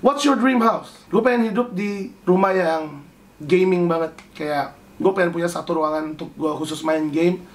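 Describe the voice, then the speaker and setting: A young man hosting a casual chat, answering viewer questions with animated swings in pitch. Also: moderate pace. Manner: animated, jumps pitch to read questions aloud.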